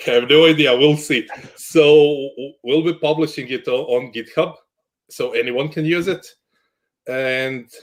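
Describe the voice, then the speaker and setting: A man's voice: medium pitch, unhurried. A man from Croatia, a guest in a casual interview chat, good-humored and jokey, often restarting his sentences. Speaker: guest, cloud architect.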